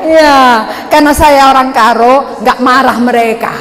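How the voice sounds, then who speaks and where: A woman pastor giving a joking, lively sermon at a youth camp. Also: high-pitched, measured pace, background noise. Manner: joking and lively, with laughing asides. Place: church hall. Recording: echoey hall with faint ambience.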